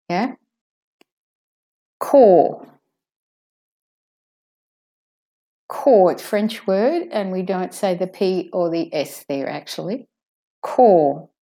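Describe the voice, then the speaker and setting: A woman teaching pronunciation in an audio lesson, saying each word slowly and twice and marking stressed syllables. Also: on the low side, warm tone.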